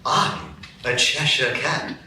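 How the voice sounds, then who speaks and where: A man voicing the Cheshire Cat, a sly, teasing and mysterious cat, in a slow, drawling, mocking way in a live radio play. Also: mid-range voice, very animated, bright, forceful tone, heavily acted. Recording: echoey room, mic from far off, faint background noise.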